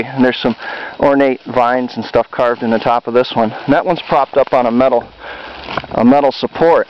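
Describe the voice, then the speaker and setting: A man giving a casual, unhurried walking narration as he films in the woods, often pausing with ums and uhs. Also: medium pitch, slight background noise. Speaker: amateur videographer exploring a cemetery. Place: woods, outdoors. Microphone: handheld camcorder mic. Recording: dull lo-fi camcorder audio with faint outdoor ambience.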